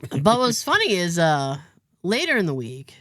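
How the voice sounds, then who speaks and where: An American woman hosts a podcast, telling a story in casual conversation with a voice on the low side at normal speed. She's an animated storyteller who acts out other people's lines, and the studio-quality recording has no room sound.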